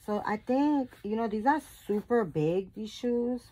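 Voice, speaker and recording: A woman's voice: fairly high pitch, lively intonation, measured pace, mellow. A woman vlogging about her doll collection in a casual, rambling chat with her viewers, gushing and full of "like" and restarts. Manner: gushing, affectionate; fond of chatty asides to "guys".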